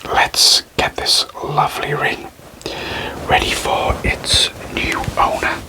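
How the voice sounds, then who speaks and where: The speaker is a male ASMR creator doing a whispered role-play for viewers. Everything comes out as an unvoiced, breathy whisper, paced slowly with soft, careful phrasing and relaxed pauses, over poor audio.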